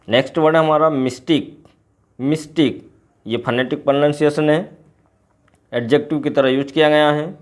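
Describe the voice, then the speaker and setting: Man teaching words slowly. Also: fairly high pitch. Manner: repeats each word slowly, then gives English and Hindi meanings. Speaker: English teacher. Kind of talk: explaining a poem's glossary word by word in a lesson.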